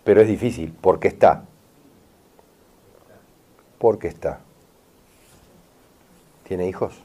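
A man's voice: deep voice, slow pace, dark tone, husky. A middle-aged man with a River Plate Spanish accent, guiding a consultation and repeatedly checking that he is understood. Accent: Rioplatense Spanish. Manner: insistent, repeats "¿está bien?" and "mirá". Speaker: therapist giving a session. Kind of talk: consultation with an audience member.

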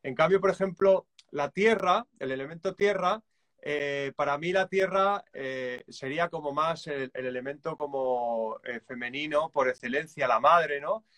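Calm man explaining drum rhythms. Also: fairly high pitch, unhurried. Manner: calm and reflective, hesitant restarts, counts beats aloud. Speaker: guest musician and drummer.

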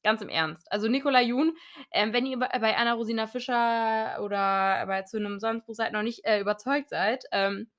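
A woman's voice: on the high side, moderate pace. Chatty young woman recommending books. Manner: chatty, teasing, many fillers. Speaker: podcast co-host. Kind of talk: casual book chat.

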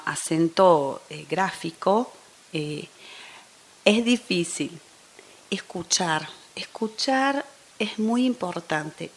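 A woman guest, a teacher, talking through an interview in a thoughtful way and often dropping into soft near-whispers. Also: medium pitch. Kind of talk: casual interview chat.

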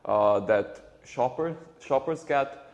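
A man, a startup co-founder answering interview questions in a halting way with many repeated words. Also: mid-range voice, lively intonation, highs cut off. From Slovenia. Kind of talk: conversational interview.

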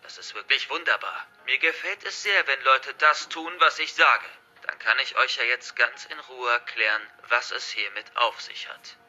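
Man reading as masked hacker villain: loud, gloating, threatening, sharp bright tone. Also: mid-range voice, moderate pace, hardly any pauses, muffled recording, soft background music, pitched above the performer's own voice. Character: menacing masked male hacker, cold and taunting.

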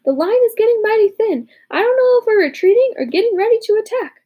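A woman's voice: very high voice, lively intonation, fast, warm tone, voice pushed up. A woman voicing an anxious young male soldier who talks in a tense, worried way.

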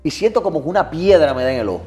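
A man's voice: fairly high pitch, rapid-fire, faint music behind. A man telling a personal story with great animation, acting out the voices of the people in it. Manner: lively, acts out voices in his anecdotes. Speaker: guest, TV producer.

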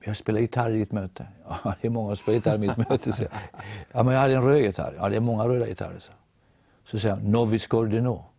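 Norwegian guy telling his faith story, low dark voice, acts out the quotes. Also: fairly even intonation, vocal fry, dry recording. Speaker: guest storyteller.

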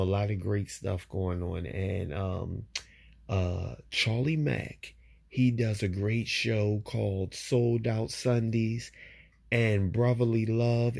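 A middle-aged man hosts his own podcast in an easygoing, rambling way, circling back and repeating his points. His voice sits a little low. He fills the gaps between songs with loose, unhurried talk full of fillers. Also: creaky, mellow. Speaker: podcast host.

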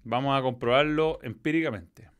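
Reading chat messages aloud and cursing freely, a man with a Chilean accent runs a laid-back football stream. He talks at a normal speed in a smooth, mid-range voice.

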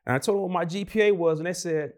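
A man's voice: high-pitched, very fast. A young adult man telling his story in a casual interview, acting out the voices of the people in it. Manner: animated, acts out quoted voices. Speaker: guest.

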